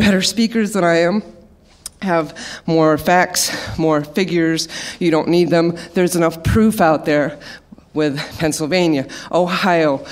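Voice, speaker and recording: A woman speaking up at a public hearing, her testimony nervous and halting. She is emotional and close to tears, restarting her sentences and apologizing as she goes. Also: on the low side, a little mellow.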